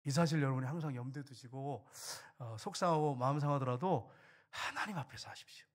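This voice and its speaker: A male pastor preaching an earnest sermon to his congregation, urging them and dropping to a hush for emphasis. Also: mid-range voice, fairly quick.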